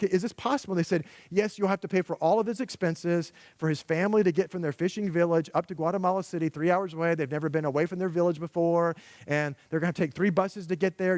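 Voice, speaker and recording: A man's voice: high voice, a little mellow, no room sound. A middle-aged man preaching a conversational, storytelling sermon to a church congregation, emphatic and full of rhetorical questions to parents. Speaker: guest preacher. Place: church sanctuary.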